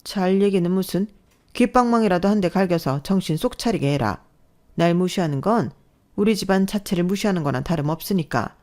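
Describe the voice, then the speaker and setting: A woman's voice: fairly low pitch, lively intonation, brisk, a little mellow, pitched above the performer's own voice, lightly acted. A woman voicing a domineering, scornful older mother-in-law who scolds and belittles. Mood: indignant. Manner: scolding, contemptuous.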